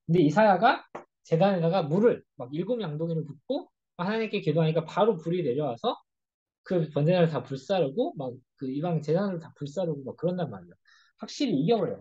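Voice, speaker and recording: Youth group study leader, casual lecture, husky voice, dull lo-fi sound. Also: mid-range voice. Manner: animated storytelling, acting out quoted speech.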